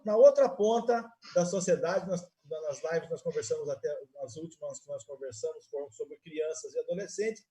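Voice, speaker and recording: A man's voice: a little high, mellow. A man who hosts a live online interview and talks in long friendly runs with restarts. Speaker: host. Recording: live video stream.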